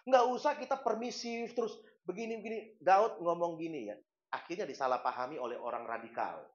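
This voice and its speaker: A man's voice: fairly high pitch, brisk. A man preaching a sermon as pastor, speaking in a colloquial, playful way with slang and acted asides. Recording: echoey, muffled church recording.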